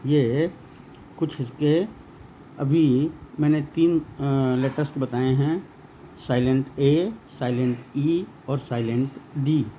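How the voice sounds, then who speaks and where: A man teaches a grammar lesson in a deliberate, repetitive way. His voice sits a little high for a man yet sounds very dark and mellow. The recording is dull and lo-fi, with a faint hum underneath. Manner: slow and deliberate, repeating words for emphasis. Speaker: English teacher.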